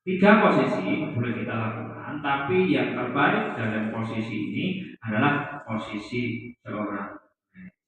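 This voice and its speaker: A man's voice: mid-range voice, expressive, normal speed, a bit bright. A man, a teacher giving a hesitant, explanatory presentation full of fillers. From Central Java, Indonesia. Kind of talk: presentation on classroom discipline. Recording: echoey hall, far from mic, dull.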